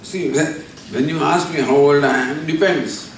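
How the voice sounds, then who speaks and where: Spiritual teacher, man, measured lecture, slightly high voice, distant mic in an echoey room. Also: a little hiss or hum. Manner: deliberate, explaining with everyday examples. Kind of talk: scripture lecture.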